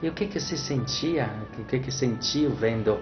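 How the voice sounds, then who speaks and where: A man's voice: medium pitch, normal speed. A man, a priest hosting a TV show, interviewing a guest with probing questions and echoing her words back. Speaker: priest and TV host. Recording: muffled broadcast sound with music underneath.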